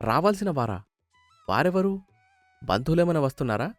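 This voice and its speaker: A man with a fairly high voice tells a cartoon family story and speaks the sons' lines with feeling. Soft background music runs under his narration. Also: very animated, fairly quick, no echo. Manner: emotive, shifts between plain narration and dramatic dialogue. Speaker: narrator and voice of the sons.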